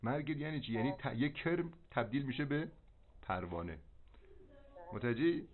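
A man's voice: medium pitch, very animated. Didactic male counselor on a tinny phone line. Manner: didactic, directive, with check-in questions. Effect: over a landline phone. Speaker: spiritual healer and doctor giving counsel. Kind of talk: preaching counsel on a phone call. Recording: narrow, tinny telephone line.

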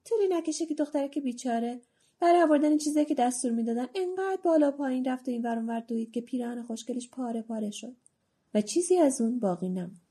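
A woman narrating a children's storybook in an expressive, animated way, with a husky voice. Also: high-pitched.

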